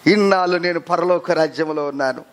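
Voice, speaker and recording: A male pastor with a Telugu accent, preaching an animated sermon, acting out a crying baby and frail old people and calling out hallelujah. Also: a little high, a little fast.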